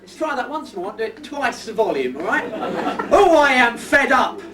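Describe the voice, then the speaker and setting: A man's voice: very high-pitched, big pitch swings, normal speed, over a noisy crowd. A man playing a lazy, cheeky young shop assistant who jokes and chats with the audience, on an amateur village pantomime stage recorded from far off. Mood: chummy. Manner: cheeky, chatty, joking with the audience. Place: pub skittle alley stage with audience. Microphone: far audience camera. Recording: distant noisy live stage recording.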